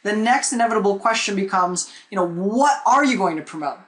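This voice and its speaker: A man's voice: high voice, animated, brisk, a bit bright. A man, teaching a live online marketing webinar in a chatty way and often checking in with "okay?" and "right?", recorded on a desk webcam in a small room. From Philippines. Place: small indoor room with a whiteboard.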